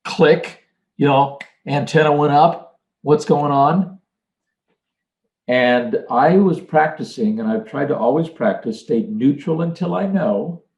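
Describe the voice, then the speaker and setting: A man's voice: fairly high pitch, slow, darkish tone, reverberant, poor audio. An older man giving an earnest leadership talk, telling stories and acting out quotes. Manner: earnest, storytelling with acted quotes. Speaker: leadership trainer. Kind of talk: motivational talk.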